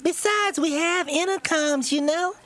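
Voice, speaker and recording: A woman voicing an excitable, squeaky young neighbor in a radio comedy sketch. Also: unhurried. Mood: alarmed.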